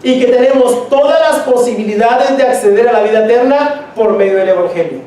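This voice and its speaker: This brisk, dark-toned preacher has a mid-range voice and is recorded from afar in an echoey church sanctuary. Emphatic throughout, he hammers key phrases by repetition and questions the congregation directly.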